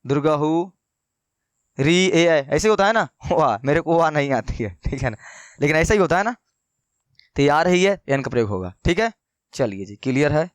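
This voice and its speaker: Brief: male tutor, high and smooth voice, dry close sound, asks his own questions and repeats points. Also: expressive, no echo. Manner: slows down to dictate notes. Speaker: English teacher. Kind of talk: online grammar lesson.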